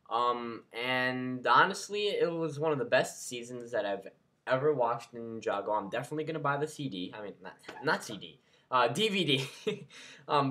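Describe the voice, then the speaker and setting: A man's voice: mid-range voice, a bit bright. A man hosting his own fan video channel, talking casually and rambling with lots of fillers and restarts. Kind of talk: casual fan vlog talk.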